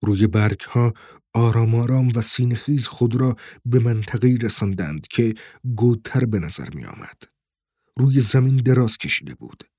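A man narrating an audiobook in a steady, tense storytelling voice. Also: mid-range voice, slightly rough, no room sound, studio quality. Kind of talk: scripted narration.

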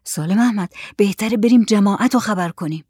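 A storyteller voicing a calm village man who speaks in a reassuring, matter-of-fact way. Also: high-pitched, husky, dry recording, studio quality. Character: calm, steady village man, helpful friend.

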